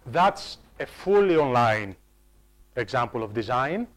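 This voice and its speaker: A man of ordinary pitch with big swings in his intonation gives a live workshop talk to staff about designing online courses. His delivery is halting, full of restarted phrases and doubled words, and he turns to his listeners with quick, direct questions.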